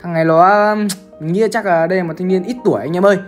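A woman talks her viewers through a game in casual, chatty commentary. She speaks at a rapid clip and keeps calling out to the audience. Faint music plays softly underneath. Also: lowish voice. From Bắc Giang, Vietnam. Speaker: gaming streamer.

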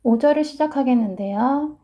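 A woman's voice: high voice, normal speed, dark tone. A woman teaching English pronunciation, explaining each sound patiently and step by step. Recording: muffled lo-fi sound.

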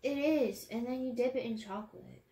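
A woman's voice: on the high side, normal speed, creaky, mellow, reverberant. A woman tasting snacks on a casual vlog, giving short blunt remarks.

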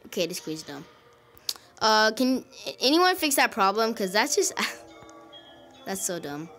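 A woman giving casual commentary over her gameplay. She gets excited quickly and grumbles at her teammates. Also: medium pitch, soft background music. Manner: excitable, quickly frustrated, calls teammates idiots. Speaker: gaming video host.

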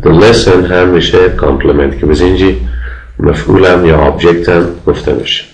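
A man with an Afghan Dari accent giving a recorded grammar lecture, patiently explaining and slowly repeating example sentences. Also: deep voice, fairly even intonation, echoey room, slight background noise, rough recording. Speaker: university English lecturer.

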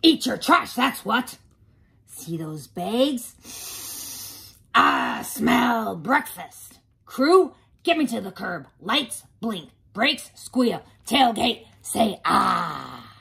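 A woman voicing a loud, gruff, boastful, greedy garbage truck in an exclaiming picture book read-aloud. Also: medium pitch, wildly swooping pitch, drawn-out words, pitched above the performer's own voice, heavily acted. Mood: boastful, hungry.

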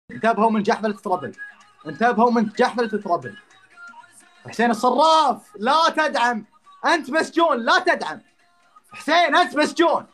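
Animated man rallying his viewers. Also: high voice. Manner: animated, rallying supporters, naming donors. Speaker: live streamer. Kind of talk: live-stream battle banter.

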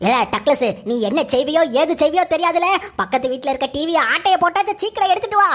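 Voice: very high voice, lively intonation, quick pace, a bit bright. A voice artist playing a scheming, gloating male villain boss in a cartoon, with a southern Tamil Thoothukudi accent and a commanding way of talking. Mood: impatient. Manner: gloating, barking orders. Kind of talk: cartoon voice acting.

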